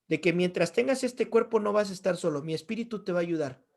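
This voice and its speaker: A middle-aged man lectures a Bible class on theology, posing rhetorical questions to his students and then answering them himself. His voice sits high and is creaky with a darkish tone, and he talks quickly.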